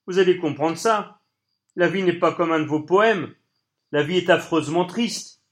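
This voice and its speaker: A man reading an audiobook, voicing a young boy hero who bursts out loudly in anguish. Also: mid-range voice, big pitch swings, moderate pace, natural voice. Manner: loud, anguished outbursts.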